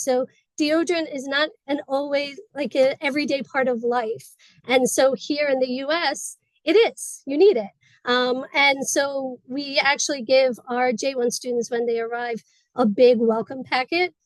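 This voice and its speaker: A woman on a webinar panel, chatty and quick, explaining how she trains staff over a video call. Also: high-pitched, steady tone, no echo, poor audio. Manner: chatty, fast-paced explaining. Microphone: video call mic.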